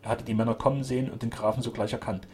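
A man narrates a serialized adventure novel in a steady, measured voice. His pitch sits in an ordinary middle range. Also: slight background noise. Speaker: audiobook reader.

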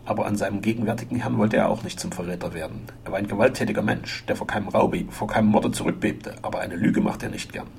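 A man narrating a classic adventure novel in a measured, even-paced reading. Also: on the low side, creaky, slight background noise. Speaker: audiobook narrator. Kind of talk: scripted storybook narration.

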